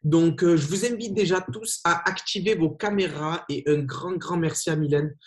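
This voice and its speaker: A man hosting an online training, introducing his guest with emphatic, energetic talk and repeated instructions. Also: a little high, moderate pace. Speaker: host of a training call. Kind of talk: hyped-up webinar introduction.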